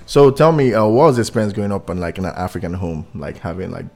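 Nigerian man, Igbo accent, low mellow voice, relaxed teasing host. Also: fast talker. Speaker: podcast host. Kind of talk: casual chat.

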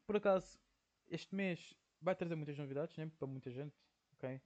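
A man's voice: on the high side, moderate pace, darkish tone. Young Portuguese man hosting his own podcast, chatty and rambling with a European Portuguese accent, lo-fi home recording. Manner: rambling, says "ok?" constantly, slangy. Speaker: podcast host. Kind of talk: casual solo podcast monologue.

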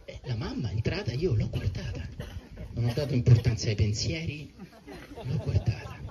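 A man voicing a naive, eager young son who excitedly tells his father his adventures. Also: mid-range voice, normal speed, a crowd in the background, close to an everyday voice. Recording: muffled with steady background noise.

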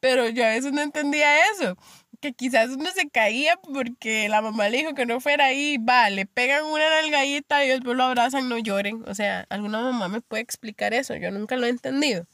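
A young Costa Rican woman talks through her podcast in a loose, chatty monologue, full of fillers and asides. Her voice sits a little high, and the recording is dry and close with no room sound. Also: brisk, fairly bright tone, no echo. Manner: chatty storytelling with frequent fillers. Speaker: podcast host. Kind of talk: casual monologue.

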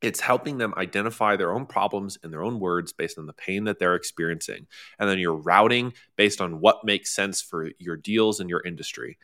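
A man co-hosting a live sales workshop, talking casually and enthusiastically, often chiming in with quick affirmations. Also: sits low, sharp tone. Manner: enthusiastic, frequent affirming interjections. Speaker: workshop co-host. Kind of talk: casual live webinar talk. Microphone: close to the mic.

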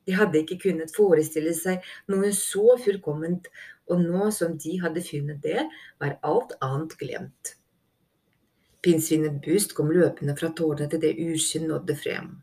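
A woman narrating a fantasy novel as an audiobook, reading in a steady, measured way. Her voice sits somewhat low. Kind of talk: scripted narration.

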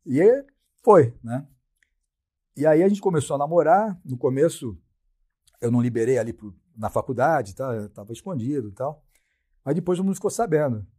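Husky middle-aged guy w a brazilian accent, blunt and slangy, telling stories on a podcast and quoting himself. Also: medium pitch, animated, moderate pace, dark tone. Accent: Brazilian Portuguese. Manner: blunt, slangy, acts out his own quoted lines. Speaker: podcast guest, sports science professor. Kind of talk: casual storytelling.

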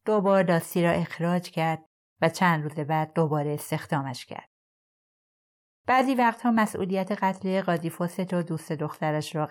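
A woman narrating a novel chapter for an audiobook podcast in a calm, even storytelling manner. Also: deep voice. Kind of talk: scripted narration.

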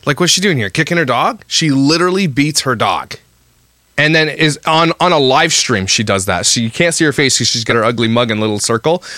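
Man, podcast co-host, rapid heated rant, dry close sound. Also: mid-range voice, lively intonation, pushed and bright, dry recording. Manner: heated, ranting delivery. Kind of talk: casual chat.

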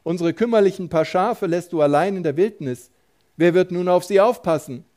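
A man's voice: high-pitched, moderate pace, darkish tone, natural voice. Brief: man as a scolding, irritated older brother soldier. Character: angry elder brother soldier.

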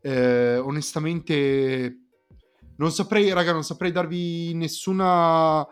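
A man's voice: a little high, fairly even intonation, slow, clear, resonant tone, soft background music. A man in a casual basketball discussion, speaking colloquially and emphatically and restating his points. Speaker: sports podcast panelist.

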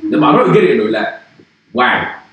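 A man's voice: mid-range voice, very animated, moderate pace, distant mic, a loud crowd. A young man from Manchester with a Mancunian accent, co-hosting a podcast with incredulous, slangy banter. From Manchester, England. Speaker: podcast co-host. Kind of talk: casual chat. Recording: echoey room with faint noise.

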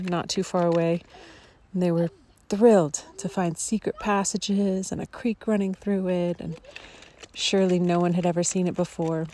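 A woman's voice: fairly low pitch, mellow. A woman talking casually to a vlog audience in a reflective, hesitant way. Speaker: family camping vlogger.

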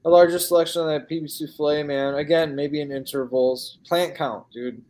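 A man's voice: a little high, fairly even intonation, moderate pace, a little mellow. Rambling Midwestern guy, casual chat. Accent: Midwestern American. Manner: rambling, filler-heavy, calls people dude and man.

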